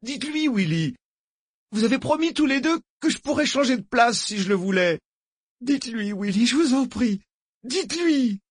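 A man's voice: animated, moderate pace, breathy edge, no echo, clean studio sound, full character voice. A man voicing a panicking, cowardly man who whines and begs like a spoiled child. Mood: pleading. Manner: shrill, begging, near shouting.

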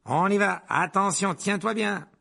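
A man voicing an excitable young male bus conductor who talks loudly and eagerly, calling out and exclaiming. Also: high voice, a little slow, creaky, pitched above the performer's own voice, full character voice.

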